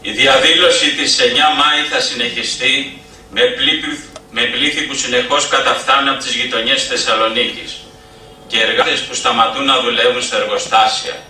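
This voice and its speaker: A man reading a historical account aloud at a public event, steady and declamatory with occasional slips. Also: medium pitch. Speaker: event speaker. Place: event hall. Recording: echoey room, distant mic, faint noise.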